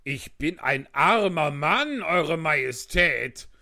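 Man voicing a hatter, storybook, nervous, quavering, pleading, slow. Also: fairly high pitch, very animated, pushed and bright, no echo, studio quality, pitched above the performer's own voice, full character voice.

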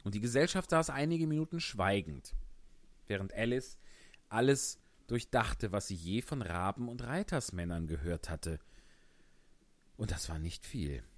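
Slow, lively male storyteller. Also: fairly low pitch, dry recording. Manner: expressive, unhurried. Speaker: narrator. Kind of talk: storybook reading.

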